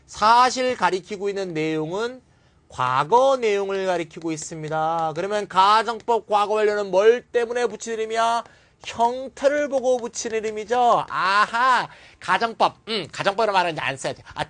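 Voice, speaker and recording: A man teaching an English grammar lecture, asking questions and answering them himself, and ranting bluntly. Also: high-pitched. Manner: animated, rants and scolds in blunt slang. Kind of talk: classroom lecture.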